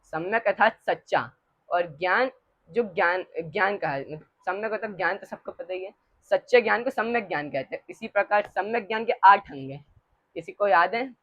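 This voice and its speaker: A woman's voice: mid-range voice, moderate pace, fairly bright tone, no room sound. A woman giving a religious study lesson to a group, hesitant, with many fillers and restarts. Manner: leads the group in call-and-response repetition. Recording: dull muffled dry recording.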